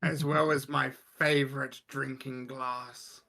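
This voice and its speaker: A man's voice: mid-range voice, flat delivery, takes it slowly, vocal fry, bright, forceful tone, full character voice. A man voicing a wary, indifferent orc guard in a tabletop game, blunt and guarded.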